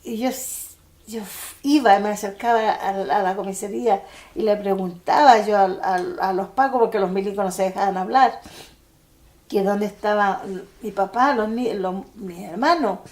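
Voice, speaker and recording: An older woman with a Chilean accent, recalling events in halting testimony with many restarts. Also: mid-range voice, a little mellow. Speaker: interviewee. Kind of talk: personal testimony for a documentary.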